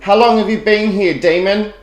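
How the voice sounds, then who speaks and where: High-voiced man on a nervous night vlog. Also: fairly even intonation, moderate pace. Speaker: vlog host leading a Ouija board session. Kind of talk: spooky night challenge vlog, questioning spirits. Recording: echoey room with background noise.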